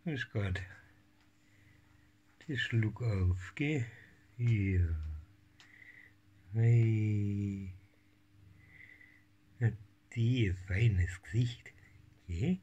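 Man, husky voice, unhurried, soft baby talk with whispers, middle-aged. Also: fairly low pitch, dull audio. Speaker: cat breeder. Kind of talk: casual home video vlog. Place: home room with kittens.

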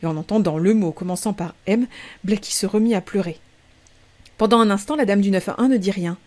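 A woman streamer reading a short story aloud in a measured, steady narration. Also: mid-range voice. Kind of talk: audiobook reading.

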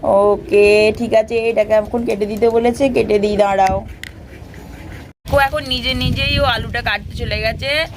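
A woman's voice: on the high side, steady tone, a little slow, slight background noise. A young woman, a mother, chatting to her viewers in a casual vlog on a rooftop in light rain while coaxing her small daughter. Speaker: family vlogger and mother.

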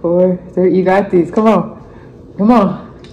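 A woman's voice: fairly low pitch, steady tone, slow, creaky, warm tone, roomy sound, slight background noise, rough recording. A woman on a casual couple's challenge video, counting down and cheering her partner on over and over. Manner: coaxing, counting down, repeats encouragement. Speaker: vlogger encouraging her partner.

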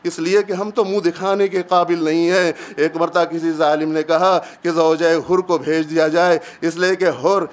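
A man's voice: a little high, flat delivery, few pauses. A male preacher telling a mournful story in a sermon, often calling out to his listeners. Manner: mournful storytelling, repeated calls to the audience. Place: gathering hall.

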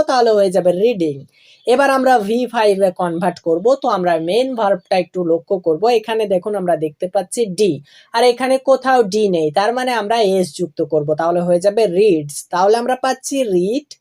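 A woman teaching English grammar, going slowly and deliberately through each verb form and letting phrases fall low at the ends. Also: dark tone. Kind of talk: classroom explanation of verb forms.

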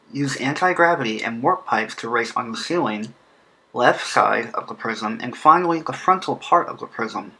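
A man's voice: mid-range voice, pushed and bright, low-quality recording. A man with a lisp from an underbite, narrating a scripted explainer as a video creator. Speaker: video creator presenting a fan game track design.

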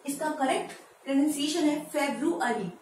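High-voiced woman teaching pronunciation. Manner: lively, asks viewers questions and answers them; spells words out slowly, syllable by syllable. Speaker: English teacher. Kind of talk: Hindi-language pronunciation lesson. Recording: echoey room, voice from a distance, faint background noise.

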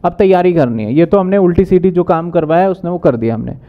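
A man teaching accounting in a brisk lecture, asking questions and answering them himself. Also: high voice, lively intonation, narrow, tinny audio. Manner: brisk, asks and answers his own questions. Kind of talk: whiteboard lecture.

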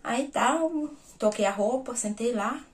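A woman's voice: fairly high pitch, a little slow. A woman vlogger in a casual personal storytelling style. She speaks straight to her viewers and acts out the conversations she retells. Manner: talks straight to viewers as "gente". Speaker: vlogger sharing personal news.

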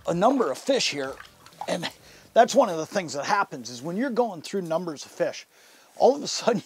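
Inside a fabric ice-fishing shelter, a middle-aged man hosting a fishing show offers folksy, enthusiastic tips in a casual, conversational manner. His voice runs on the high side with vocal fry, and the recording is dry.

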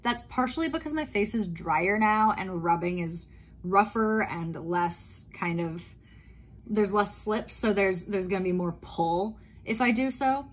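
A woman's voice: medium pitch, unhurried. A woman talking casually through her nighttime skincare routine in a chatty, meandering way, with fillers and small self-corrections. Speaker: skincare vlogger. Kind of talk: casual talk-through while doing skincare.

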